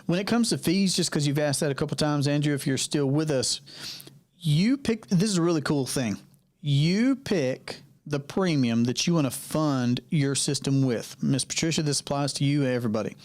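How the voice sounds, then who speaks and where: A man's voice: a little high, animated, moderate pace, darkish tone. A man from North Carolina, a financial coach hosting a live online Q&A, talking conversationally over a video call, repeating his key points and addressing participants by name.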